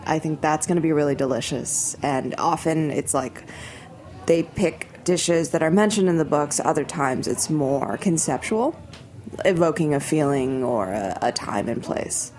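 A woman guest on a radio show, chatting casually and quickly about the food events she co-organizes. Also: low voice, expressive, darkish tone, slight background noise. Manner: quick, chatty, many fillers.

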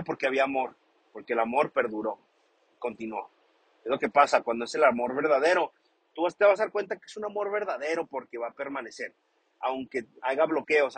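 A man calmly explains the meaning of a song's lyrics, often rephrasing and repeating himself as he thinks aloud. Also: medium pitch, husky, no room sound, poor audio. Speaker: song commentator. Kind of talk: casual explanatory commentary.

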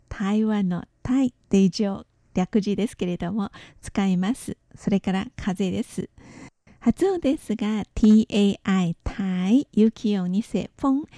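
A woman teaching Chinese words in a calm radio lesson, slowly spelling out pronunciation and tones. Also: medium pitch, dry recording, studio quality. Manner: slow, careful, spells out pronunciation.

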